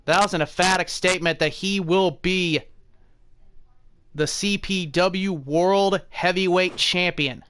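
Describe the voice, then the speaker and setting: Brief: male streamer, excitable casual commentary, high bright voice. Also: unhurried, no echo. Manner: excitable, often clears his throat.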